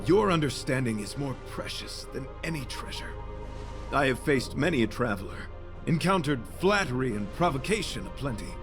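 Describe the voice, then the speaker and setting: With music in the background, a man with a mid-range voice speaks at a moderate pace, his intonation lively and his sound close to an everyday voice. The role is a chivalrous young male knight in a video game, devoted to beauty and given to formal, flowery, solemn speech.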